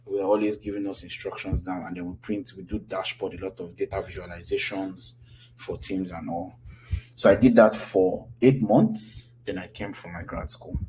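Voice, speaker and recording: A Nigerian man in his thirties, teaching a loose, chatty online class, answers questions with plenty of fillers and restarts. His voice is low-pitched and a little mellow. The audio is poor, with a faint hiss or hum.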